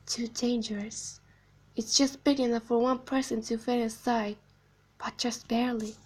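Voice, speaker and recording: High, girlish and husky, with little pitch movement, a woman amateur voice actor plays an eerie animatronic clown girl from a video game. Her hushed, menacing monologue unfolds slowly and deliberately, drifting into whispers, sweet on the surface but sinister below, as if telling a secret.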